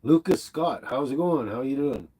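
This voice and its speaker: A man with a mid-range, slightly rough voice speaks at normal speed, stuffy-nosed from the flu, while hosting a livestream at home indoors. He rambles in a relaxed way, reading comments and addressing viewers by name. The recording is low quality, captured on a laptop microphone.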